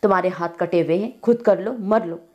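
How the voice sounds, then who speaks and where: A woman's voice: fairly low pitch, brisk, dull audio, natural voice. A woman doing a furious quarrelsome young sister. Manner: sharp, snapping, indignant.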